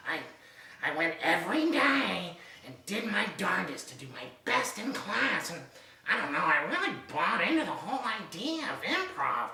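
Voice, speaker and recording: A woman's voice: medium pitch, big pitch swings, normal speed, creaky, sharp tone, recorded from a distance, exaggerated voice. A woman performing an improv scene as a folksy, stammering woman who says "golly". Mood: earnest. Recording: echoey stage from afar.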